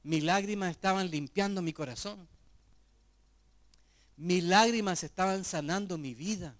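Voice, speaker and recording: High-voiced earnest male pastor preaching. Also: measured pace. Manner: earnest, conversational preaching with rhetorical questions. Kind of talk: sermon.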